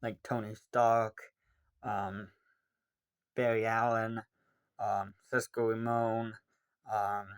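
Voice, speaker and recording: Teen guy rambling through a q&a, slow and kinda low voice, lots of ums. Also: level tone, clear, resonant tone. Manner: rambling, hesitant, many ums. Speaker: vlogger answering questions. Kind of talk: casual Q&A monologue.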